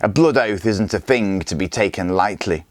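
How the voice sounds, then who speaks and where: Man doing a cruel viking warlord, smug, mocking, low voice, dry recording, storybook reading. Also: moderate pace, dry recording, natural voice.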